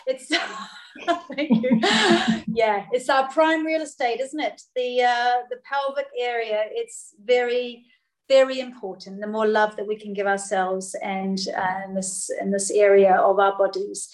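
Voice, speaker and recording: A woman's voice: fairly high pitch, fairly even intonation, unhurried, poor audio. A woman hosting a casual online chat, effusive and emotional, talking into her phone. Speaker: host.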